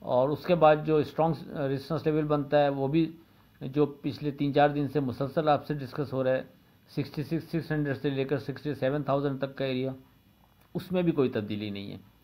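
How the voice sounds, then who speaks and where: A man from Pakistan with a Pakistani Urdu accent giving a daily stock market forecast, steady and methodical, often pausing with fillers. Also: mid-range voice. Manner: steady, methodical, repeats figures and levels, frequent "uh" fillers.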